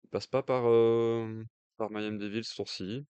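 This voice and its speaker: A French-accented man talks through a card game match in an easy, chatty commentary style, pausing on fillers as he thinks aloud. His voice sits fairly low and comes across clean and smooth. The recording is dry, with no room echo. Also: fairly even intonation, mellow, muffled recording. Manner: jokey aside in accented English. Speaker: stream commentator.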